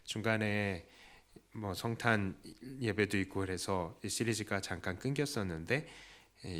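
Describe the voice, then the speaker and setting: A man preaching a Sunday sermon as pastor, asking the congregation questions and acting out quoted voices. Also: fairly bright tone. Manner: acts out quoted voices with raised pitch. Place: church.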